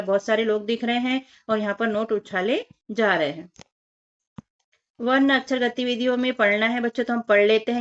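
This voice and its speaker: A woman teacher working through a children's workbook, reading words slowly one by one and speaking directly to the children. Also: on the high side, fairly bright tone, highs cut off.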